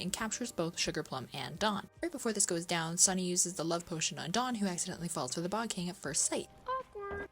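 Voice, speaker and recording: A young woman giving a casual, comedic movie recap, chatty and sarcastic with playful asides. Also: lowish voice. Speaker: film reviewer.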